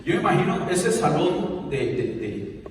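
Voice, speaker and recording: A man preaching a lively sermon as pastor, mixing teaching with playful impressions. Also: on the high side, a little slow, a little hiss or hum. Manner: emphatic preaching with playful impressions and stutter mimicry. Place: church hall. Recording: echoey hall, voice from far off.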